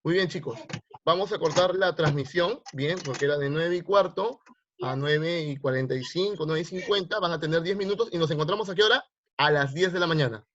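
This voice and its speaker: A man's voice: on the high side, fairly quick, fairly bright tone, slight background noise. A male teacher, teaching grammar online and quizzing his students with repeated questions. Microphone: video call. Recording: lo-fi online class audio.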